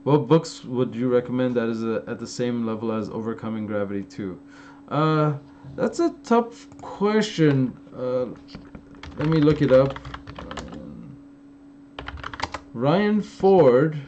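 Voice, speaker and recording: This is a very animated young man with a warm, medium-pitched voice, speaking slowly as he answers live chat in a casual stream Q&A. Hailing from Los Angeles, he has an American accent shaded by Armenian, and his replies ramble with fillers and restarts. Audio is slightly dull lo-fi stream sound with light noise.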